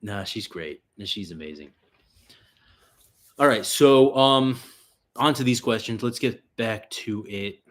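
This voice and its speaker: He takes his time here, pitched fairly low and pausing often as he answers viewer questions on his livestream. A New York-area accent colors the loose, profane, rambling delivery, heavy with fillers and restarts.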